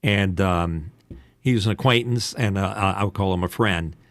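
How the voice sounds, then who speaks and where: Sitting low in pitch at normal speed, the voice of a late-sixties voice-over announcer and podcast host comes through dry and studio-clean. He talks casually, coach-style, giving rambling, candid advice on voice-over.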